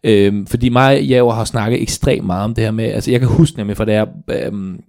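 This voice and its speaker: A man's voice: on the low side, steady tone, a little mellow. A young man hosting a casual podcast chat, bantering and asking questions. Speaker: podcast host.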